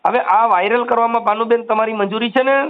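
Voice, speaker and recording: Fast-talking reassuring man on phone. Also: very high-pitched. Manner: reassuring, repeats calming phrases. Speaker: social media activist taking calls. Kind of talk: phone call advice. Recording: tinny phone line.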